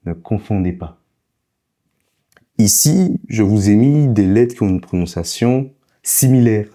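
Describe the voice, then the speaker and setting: Low, mellow-voiced man teaching. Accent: foreign accent in French. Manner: patient, repetitive explaining. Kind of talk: casual spoken lesson.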